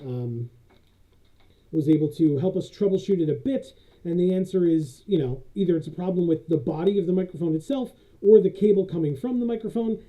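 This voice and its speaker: A man streaming live, chatting casually and haltingly with many fillers, his voice muffled as if he is talking through a tube. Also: sits high, warm tone. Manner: rambling, halting, many fillers and self-corrections. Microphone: built-in USB camera microphone. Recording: dull lo-fi USB camera microphone.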